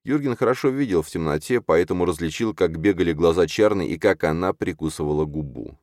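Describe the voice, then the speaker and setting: Low-voiced male audiobook narrator. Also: brisk, a little mellow, no room sound, clean studio sound. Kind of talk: scripted narration.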